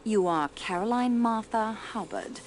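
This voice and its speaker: An actress voicing a polite, formal French woman investigator in a video game, calm and dryly courteous. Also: mid-range voice, unhurried, a little hiss or hum, natural voice. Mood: cool. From France.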